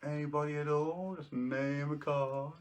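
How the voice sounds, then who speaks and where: A man's voice: on the high side, fairly even intonation, a little slow, far from the mic. A British man doing jokey kids' party magician patter, presenting tricks on a live show with casual asides to viewers. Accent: British English.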